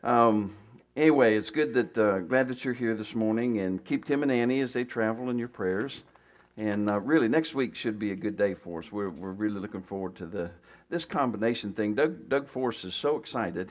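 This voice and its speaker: A male pastor giving a folksy, conversational sermon in a church, full of restarts and asides. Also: fairly low pitch. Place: church sanctuary.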